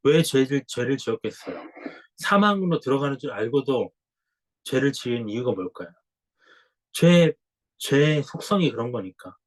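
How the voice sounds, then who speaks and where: A middle-aged man with a cold, a pastor giving a slow, conversational Bible sermon and clearing his throat. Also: medium pitch, lively intonation, low-quality recording. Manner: slow, reflective Bible exposition with a warm conversational tone.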